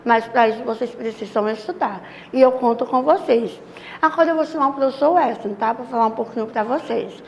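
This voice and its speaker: A woman's voice: fairly high pitch, fairly quick, vocal fry. Woman teacher, affectionate and explanatory, faint hum behind her. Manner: patient, explanatory, checks in with frequent tag questions; affectionate toward students. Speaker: English teacher. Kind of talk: recorded online class lesson. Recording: echoey room with faint background noise.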